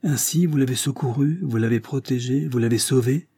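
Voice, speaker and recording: A man reading an audiobook and voicing a stern, grieving aristocratic mother, with formal, measured speech. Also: warm tone, slightly rough. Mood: anxious. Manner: formal, measured, voice raised higher for her.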